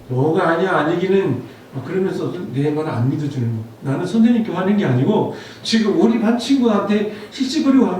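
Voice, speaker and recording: A man's voice: high voice, darkish tone. Man, pastor, Sunday sermon, conversational storytelling, rhetorical questions, heard from a distance. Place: church sanctuary. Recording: very echoey hall, distant mic, faint noise.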